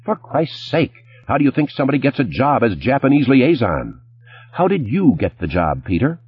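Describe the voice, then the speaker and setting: A man reading an audiobook, voicing a sharp, image-conscious ex-wife who scolds in a clipped, indignant way. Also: sits low, big pitch swings, normal speed, husky, lo-fi sound, exaggerated voice. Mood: furious.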